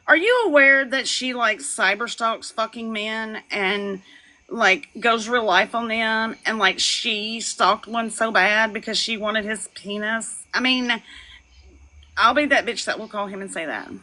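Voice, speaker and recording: Young woman, live-stream rant, bright forceful voice, fast and profane. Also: on the high side, low-quality recording. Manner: loud, profane, gossipy, laughs and shouts. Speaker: livestreamer. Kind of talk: ranting live-stream commentary. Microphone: phone.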